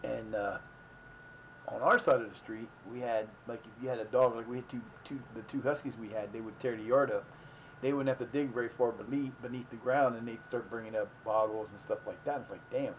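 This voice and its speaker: Brisk and fairly even in intonation, this medium-pitched man is an Ohio native in his fifties hosting a livestream. He wanders through casual stories in a folksy style, often correcting himself. The audio is dull, with a little hiss or hum.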